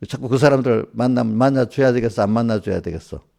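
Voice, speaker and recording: A man's voice: medium pitch, fast, vocal fry, a little mellow. A man, a pastor, preaching informally to congregants and scolding them with one rhetorical question after another. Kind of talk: small-group sermon addressing congregants directly.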